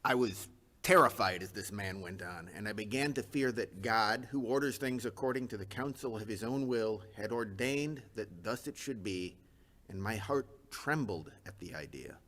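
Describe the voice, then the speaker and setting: A man voicing an anxious, reluctant eighteenth-century minister, reading a first-person memoir in measured, formal language. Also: on the low side, a bit bright. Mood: troubled. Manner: measured, formal period diction.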